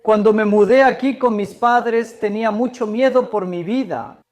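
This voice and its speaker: A woman giving a measured, explanatory talk as a guest speaker, answering audience questions at a church event. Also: a little high, a little mellow.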